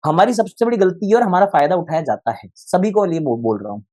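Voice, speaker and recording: A man's voice: high voice, lively intonation, brisk, a little mellow, dry recording, clean studio sound. Candid man talking as an educator guest. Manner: candid, opinionated, talks in long explanatory runs. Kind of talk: conversational interview.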